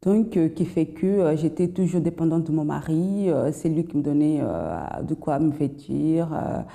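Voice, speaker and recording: A young woman gives a personal testimony as a guest, her story coming out haltingly with frequent pauses and restarts. Her voice is deep, mellow and animated with some vocal fry, and she speaks French with a slight foreign accent, as it isn't her first language.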